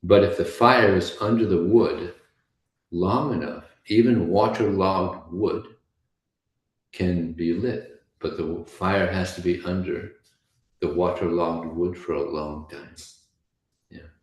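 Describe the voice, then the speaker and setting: Slow, deep, gravelly man teaching. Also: reverberant, poor audio. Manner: chatty storytelling with frequent soft laughs. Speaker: devotional class speaker. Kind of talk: informal scripture class.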